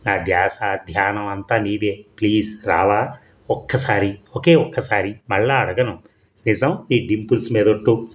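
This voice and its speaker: Read by a man, a smooth-talking middle-aged admirer with honeyed, pleading words. His voice sits low and plain, like a storybook reading with a gentle push of charm. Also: measured pace, natural voice.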